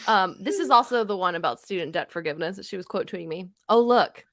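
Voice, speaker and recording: A woman's voice: lowish voice, lively intonation, fast talker, pushed and bright, dry recording, studio quality. A woman co-hosting a podcast, chatting casually and reading hostile comments aloud in mocking voices. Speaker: podcast co-host.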